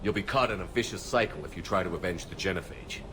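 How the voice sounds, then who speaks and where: An actor playing a no-nonsense human military commander in a video game, direct and authoritative. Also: male voice, low-pitched, animated, fast talker, noisy background. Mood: serious. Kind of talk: video game character acting.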